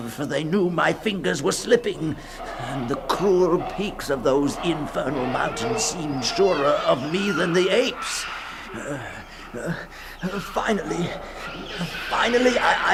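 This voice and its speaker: Frantic panic fills this high-pitched, creaky, heavily acted male voice as an actor plays a terrified, desperate climber narrating his nightmare escape. The 1960s radio dramatic monologue of a fantasy tale comes from a noisy recording. He delivers it theatrically, halting and gasping, lurching from whispers into cries.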